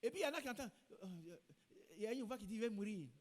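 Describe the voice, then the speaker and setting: A man's voice: very high-pitched, expressive, racing. A man preaching a sermon in a church, emphatic and repeating his key phrases. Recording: long reverb in a church hall.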